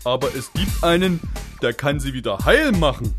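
A man's voice: medium pitch, lively intonation, moderate pace, over music, lightly acted. A man as an insistent know-it-all puppet. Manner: insistent, tattling, emphatic.

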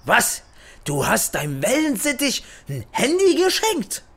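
A giggly, muddled sidekick, sing-song and slow. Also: mid-range voice, huge pitch swings, a bit bright, breathy edge, full character voice. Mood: jolly. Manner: jolly, giggling, mishears things. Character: giggly scatterbrained friend of the inspector. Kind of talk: children's audio play.

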